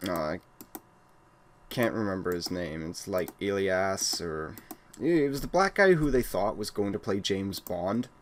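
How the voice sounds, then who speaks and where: A man's voice: deep voice, animated, unhurried, slight background noise. Blunt, exasperated Welsh-born man. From Wales. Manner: blunt and exasperated, with frequent restarts. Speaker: gaming channel host. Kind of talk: casual ranting monologue.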